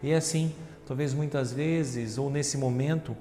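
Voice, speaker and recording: A man with a Brazilian Portuguese accent, a deacon reading the Gospel and preaching earnestly, calling his listeners brothers and sisters, moving between hushed reflection and loud emphatic passages. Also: medium pitch, steady tone, unhurried. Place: large church sanctuary. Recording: roomy church reverb with soft music.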